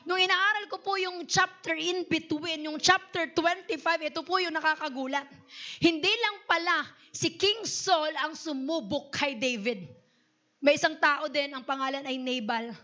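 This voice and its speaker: A Filipino woman pastor preaching a lively sermon, mixing Tagalog and English and calling out "Amen?" to her congregation. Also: high-pitched, muffled recording. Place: church.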